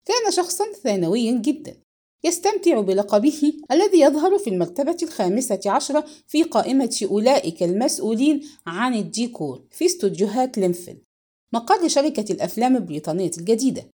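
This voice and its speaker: A woman narrating a novel in a measured, expressive reading. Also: fairly high pitch. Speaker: audiobook narrator. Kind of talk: scripted narration.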